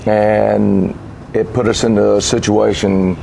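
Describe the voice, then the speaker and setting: A man speaking as a football coach, giving halting, deliberate unscripted game commentary. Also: on the low side, flat delivery, gravelly, dark tone, a little hiss or hum.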